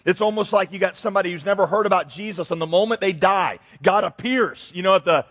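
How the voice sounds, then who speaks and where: A man delivers a sermon from the pulpit, his voice higher than most and a touch husky. He tells stories with animated acted-out voices. The sound rings with the long reverb of a large hall. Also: quick pace. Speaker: pastor. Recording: echoey hall.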